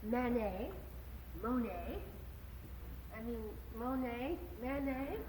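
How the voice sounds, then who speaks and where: The character here is a middle-aged widowed landlady in a stage musical, played by an actress as chattering, affected, and giggly, flirtatiously gushing and dropping bits of French in song and dialogue. Her voice is a little high, a little mellow, and slow-paced. The live soundboard capture is echoey, with a little hiss or hum.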